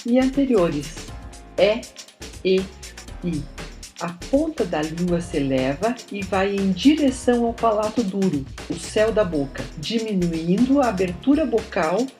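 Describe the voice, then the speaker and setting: A woman narrating a scripted grammar lesson, slowly spelling out example words. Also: medium pitch, expressive. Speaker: teacher. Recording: soft music behind the voice.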